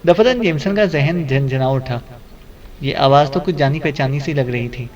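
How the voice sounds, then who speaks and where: A man narrating a detective audiobook in a steady storytelling manner. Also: medium pitch, recorded from a distance, muffled recording. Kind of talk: scripted narration.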